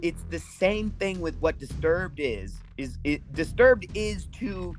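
Opinionated man with lively pitch. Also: slow, faint music behind. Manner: opinionated, swearing, emphatic. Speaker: podcast co-host. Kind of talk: casual chat.

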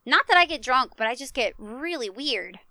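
A woman's voice: high-pitched, animated, moderate pace, sharp tone. A woman co-hosting a podcast in casual, joking chat, swearing freely, recorded inside a small closet at home. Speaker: podcast co-host.

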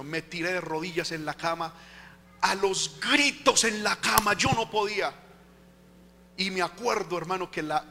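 A male pastor preaching a sermon in a church, swinging between loud impassioned cries and hushed personal storytelling. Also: a little high. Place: church sanctuary. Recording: echoey hall with faint hum.

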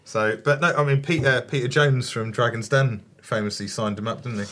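A man's voice: mid-range voice, fairly even intonation, a little fast, a bit bright. A man co-hosting a comedy podcast who teases the others bluntly and swears freely in casual banter. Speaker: podcast co-host.

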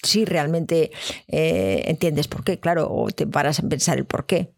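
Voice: mid-range voice, animated, a little slow, creaky, a little mellow, no room sound, clean studio sound. A co-host of a live stream about acting careers, talking in a rambling way with many hesitations and restarts. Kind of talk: live-stream chat reading viewer comments.

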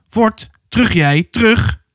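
A man voicing a rough young male cattle drover who shouts coarsely. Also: medium pitch, sing-song, unhurried, no echo, studio quality. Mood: shouting.

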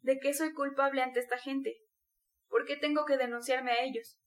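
A woman's voice: high voice, steady tone, moderate pace, close to an everyday voice. A woman reading the part of a brooding, tormented young male student in an intense, bitter confession. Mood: scornful.

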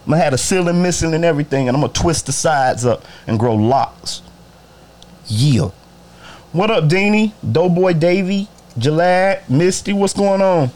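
A man rants casually on a livestream, blunt and full of profanity. His voice sits a little high and swings widely in pitch as he moves from exasperated outbursts to muttered asides. He speaks straight to his viewers and greets them as he goes. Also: animated, moderate pace. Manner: profane, blunt, talks to viewers directly, swings between loud and low. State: bothered by allergies. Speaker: barber livestreaming to followers.

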